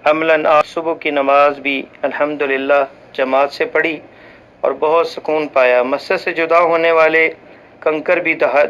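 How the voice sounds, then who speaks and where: A man reads a religious ruling aloud in a formal, measured voice and recites Arabic verses along the way. His voice is smooth and resonant and sits a little higher than usual. The recording is slightly muffled and lo-fi. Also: steady tone, a bit bright. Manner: formal and measured, with occasional slips and restarts; recites Arabic scripture passages. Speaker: voice-over reader for a religious channel.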